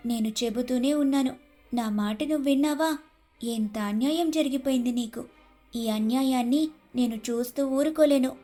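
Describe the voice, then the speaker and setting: Woman doing a high-voiced suspicious daughter-in-law. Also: mellow. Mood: dramatic. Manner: accusing, melodramatic. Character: suspicious young daughter-in-law, jealous and dramatic. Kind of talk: animated storybook voice acting.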